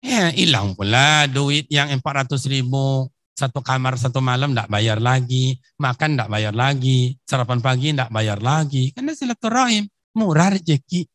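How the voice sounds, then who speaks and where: Man, Riau Malay accent, lively preacher who acts out dialogue and jumps into sudden high bursts, dry recording. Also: unhurried, dry recording. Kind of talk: lively sermon with acted-out stories.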